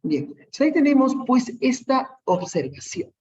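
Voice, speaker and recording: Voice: sits high, sing-song, measured pace. Patient Peruvian teacher, muffled audio. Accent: Peruvian Spanish. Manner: patient, repeats examples, tag questions. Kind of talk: online class lesson.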